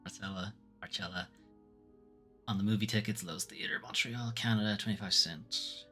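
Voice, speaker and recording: Bright-voiced man reading game letters. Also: on the low side, moderate pace, faint music behind. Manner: thinking aloud, puzzling over clues. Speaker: streamer playing a game.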